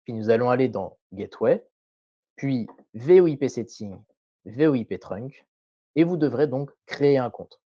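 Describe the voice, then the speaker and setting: A man presenting a scripted tutorial voice-over in a measured, didactic way, carefully enunciated. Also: mid-range voice, animated, no room sound, muffled recording.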